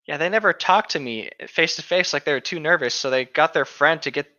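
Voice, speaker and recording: A man with a fairly high, sharp voice talks quickly as co-host of a reading podcast. He chats casually and candidly, drifting through rambling personal stories and swearing now and then. The audio is dull but free of echo.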